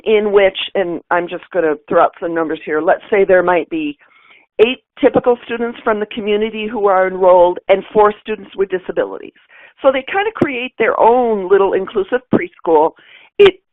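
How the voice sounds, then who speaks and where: A woman answers an audience question in a webinar and explains things step by step. Her voice comes through a narrow, tinny phone-like line with no room echo. She speaks at a middle pitch. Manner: explanatory, careful spelling out.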